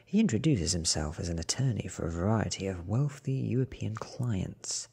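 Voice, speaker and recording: In a soft-spoken ASMR audiobook reading, a man reads a story in a very deep, hushed voice. He is extremely breathy and often near a whisper, with a crackling fry underneath, and he delivers every phrase slowly and deliberately in an animated way.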